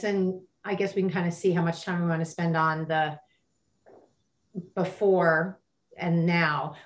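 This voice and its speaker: A woman hosting a podcast, chatting with a guest in an eager, loose way, full of ums and restarts. Her voice sits a little low for a woman. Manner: enthusiastic, chatty, with fillers and restarts. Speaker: podcast host. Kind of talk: casual interview chat.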